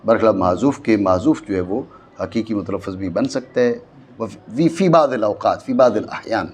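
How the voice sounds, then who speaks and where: A man with a Pakistani Urdu accent teaching a classroom grammar lesson, explaining slowly and often checking that his students follow. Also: fairly low pitch, lively intonation, darkish tone, a little hiss or hum. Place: madrasa classroom.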